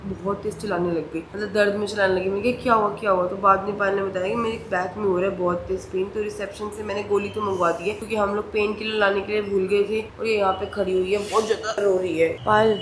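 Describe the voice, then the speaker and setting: A young woman vlogging from a hotel room, talking low and soothing, repeating calm reassurances. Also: quick pace. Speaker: family vlogger. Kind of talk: casual vlog talk to camera. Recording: echoey room with loud background noise.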